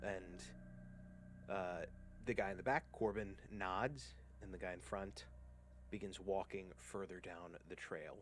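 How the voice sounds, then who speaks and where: A man narrating a tabletop game as game master, in a relaxed, halting way. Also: deep voice, a little hiss or hum. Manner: relaxed, halting, lots of fillers.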